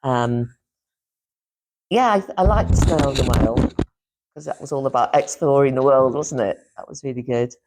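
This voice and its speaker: Her pitch is extremely low, her pace moderate, and she pauses often over a very noisy recording. She's a middle-aged Yorkshire woman, once a publisher and teacher, rambling through a casual chat as an interview guest with lots of laughs and restarts.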